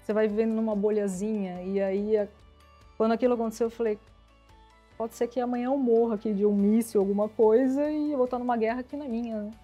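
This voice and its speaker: Lively woman telling stories. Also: a little high, fast talker, highs cut off, soft background music. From São Paulo, Brazil. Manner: lively storyteller acting out quoted dialogue. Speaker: interview guest, IT executive. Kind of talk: casual storytelling interview.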